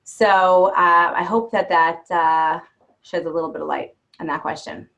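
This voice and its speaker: A woman's voice: on the low side, steady tone, a little slow, vocal fry, a bit bright, muffled recording. A woman dating coach giving frank, reassuring advice and sharing her own stories. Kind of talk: advice talk answering questions.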